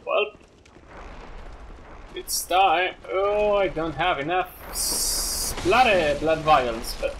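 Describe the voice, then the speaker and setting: A man's voice: a little high, background noise. A man in his thirties giving casual let's play commentary, with playful muttered asides to himself and the game. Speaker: gaming video host. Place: small room indoors. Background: game music.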